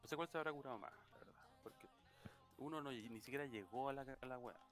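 A man's voice: medium pitch, fast talker, soft background music. A young man with a Chilean accent, hosting a casual podcast and telling a party story with lots of slang. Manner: animated storytelling, heavy slang. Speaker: podcast host. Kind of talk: casual chat.

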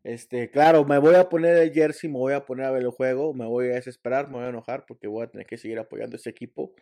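Guy from mexico venting about his team, dark relaxed tone, lots of fillers. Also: mid-range voice, quick pace. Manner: frustrated, rambling fan talk with many fillers. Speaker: podcast co-host. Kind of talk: casual sports chat.

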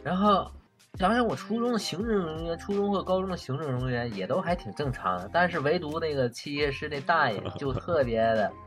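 A man in his late twenties co-hosting a casual podcast, chatting with quick, somewhat incredulous reactions. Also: fairly high pitch, lively intonation, faint music behind. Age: late 20s. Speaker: podcast co-host. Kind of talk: casual chat.

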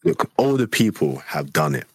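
A young man speaks with emphasis, pressing home his advice in a casual chat. His voice is extremely deep and husky. The sound is close and dry. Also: very animated, normal speed, no echo.

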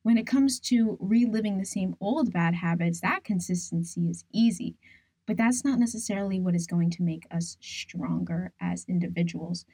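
Female podcast host, mellow and smooth, dry close studio sound, earnest explainer delivery. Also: lowish voice, normal speed, dry recording. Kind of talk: scripted solo podcast talk.

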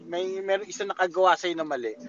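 A man's voice: high voice, fast talker, fairly bright tone, a little hiss or hum. A man joining a casual chat as a guest, hesitant and searching for his words. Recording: muffled lo-fi sound.

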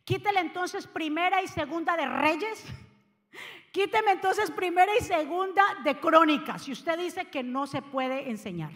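A woman pastor preaches with fervor, rising to loud calls and then dropping to hushed asides. Her voice sits high, and a long reverb trails after her words in the church. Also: expressive, unhurried. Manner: impassioned preaching, swinging between loud exhortation and quiet asides. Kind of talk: sermon. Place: church sanctuary.

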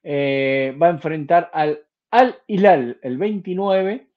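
Chatty host, dull lo-fi sound. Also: male voice, on the high side, lively intonation, slow pace. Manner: chatty, rattling off match results with fillers. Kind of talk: casual sports talk. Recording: lo-fi muffled audio.

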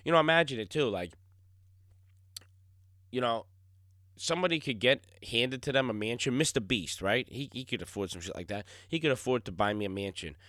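A young man hosting his own podcast, talking in a blunt, casual monologue full of swearing and filler words, his voice still slightly hoarse. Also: medium pitch, animated, a little fast, a bit bright, no echo, clean studio sound. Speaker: podcast host.

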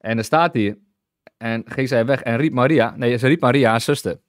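A man leads a Bible teaching session with open enthusiasm, stopping to restart sentences and calling out hallelujah along the way. His voice sits at an ordinary middle pitch. The sound is close and dry, with no room echo. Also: normal speed. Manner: enthusiastic, exclaims hallelujah often; many restarts while reading and explaining scripture.

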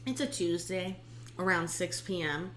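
A woman's voice: fairly low pitch, animated, measured pace, fairly bright tone. A young woman co-hosting a casual podcast, brash and sweary, with a slight lisp from a swollen tongue. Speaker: podcast co-host. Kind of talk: casual true-crime podcast banter. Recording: roomy echo, faint background noise.

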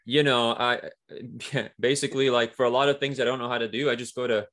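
A man's voice: medium pitch, fairly even intonation, brisk, fairly bright tone. A man guesting on an interview, talking about his work as a comic writer in a casual, rambling way with many fillers. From Mexico–US border region.

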